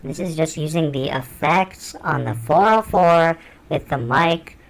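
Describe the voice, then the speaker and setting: A man demonstrating music gear, talking through a built-in mic with a formant shift and auto pitch correction, offhand as he works. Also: a little slow, creaky. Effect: formant-shifted, auto-pitch-corrected voice through a sampler mic. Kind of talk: casual tutorial talk while recording samples. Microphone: built-in microphone of a groovebox.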